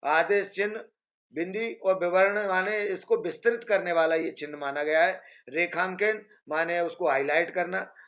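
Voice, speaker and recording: A male teacher giving a screen-based grammar lesson, explaining patiently and repeating examples slowly. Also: high-pitched, steady tone, a bit bright, lo-fi sound.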